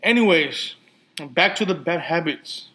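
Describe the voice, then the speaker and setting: Slightly high-voiced man with a lisp. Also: lively intonation, unhurried, sharp tone, poor audio. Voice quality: lisp and slurred speech. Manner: rambling with many restarts and fillers. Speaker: podcast host. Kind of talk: casual solo podcast talk.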